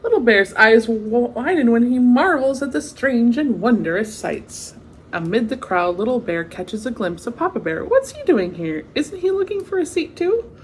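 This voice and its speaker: Reading a children's picture book aloud, a woman with a high-leaning voice swings widely in pitch at a normal speed. She tells the story expressively, adding chatty asides and exclamations of wonder, over slight background noise.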